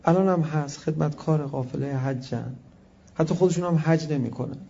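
A male preacher gives an impassioned religious sermon, his fairly high voice gravelly and mellow. He fires off rhetorical questions and moves from hushed to loud. The recording sounds dull and lo-fi. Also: a little hiss or hum.

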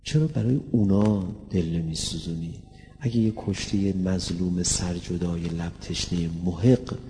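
A man's voice: low voice, dark tone. A man giving a sermon to a live audience, putting pointed rhetorical questions to his listeners. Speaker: religious lecturer. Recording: echoey hall with faint background noise.

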